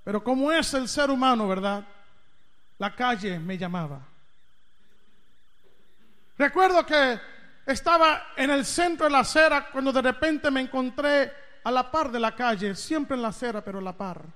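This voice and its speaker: A man preaching, telling a dramatic personal story with big swings in loudness and pitch. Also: expressive, measured pace, long pauses. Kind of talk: storytelling sermon. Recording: reverberant hall.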